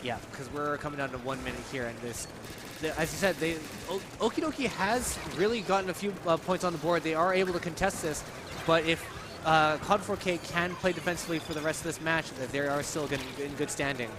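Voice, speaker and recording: Casting: male esports caster, fairly high voice, chatty and explanatory, noisy background. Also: brisk. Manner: chatty, laughs often, explains game mechanics. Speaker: esports commentator. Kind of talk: live esports commentary.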